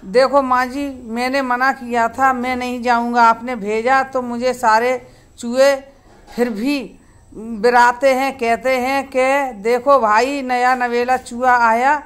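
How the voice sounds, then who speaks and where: A woman's voice: fairly high pitch, little pitch movement, slow pace, clean tone. A woman voicing a small, sad baby rat in a children's story, whining about being teased. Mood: complaining.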